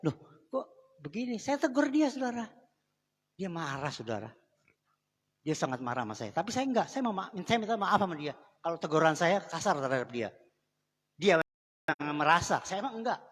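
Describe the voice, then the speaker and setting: In a church sanctuary, a pastor with a high-pitched, fairly bright voice preaches a sermon in a chatty, direct, conversational style. He often turns to the congregation with asides, calling them saudara. The live microphone picks up the long reverb of the church hall.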